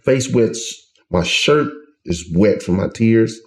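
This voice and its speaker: A man with a very low, deep voice tells his personal story in an interview. He speaks with strong emotion, halting and restarting as he goes. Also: expressive, darkish tone. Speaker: guest.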